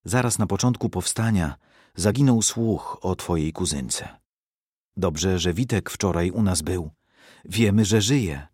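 Male narrator doing an anxious mother in a shelter, hushed, lively intonation. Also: sits low, measured pace, slightly rough, no room sound, studio quality, full character voice. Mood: reassuring.

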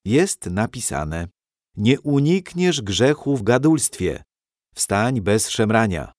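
A man reading a storybook aloud and voicing a kind, calm male monk who speaks softly and quotes scripture. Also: mid-range voice, no room sound, studio quality. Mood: gentle calm. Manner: soft, unhurried, scripture-quoting.

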